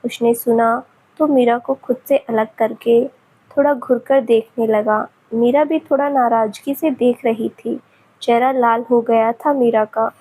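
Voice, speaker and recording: A woman narrating a romance story in a gentle, emotive reading. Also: fairly high pitch, steady tone, measured pace, slightly rough, low-quality recording.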